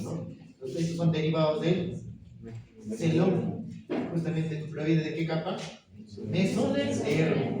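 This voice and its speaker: In a lecture room full of students, a male anatomy lecturer with a slightly high, mellow voice teaches class by firing quick questions and confirming answers with "correcto, muy bien." The recording is very echoey with a distant mic, and students can be heard murmuring their answers.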